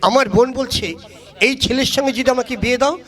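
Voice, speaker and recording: A man plays the bride's elder brother in a comic puppet show, pleading with the guests and soothing his sister. His voice is very high for a man. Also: flat delivery, fast talker, fairly bright tone.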